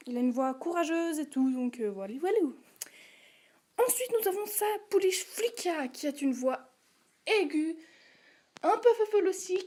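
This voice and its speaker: High-pitched yet darkish in tone, a woman hosts a relaxed casting-call video for her channel. Hesitating with fillers and tossing in asides, she goes through the characters and describes their voices.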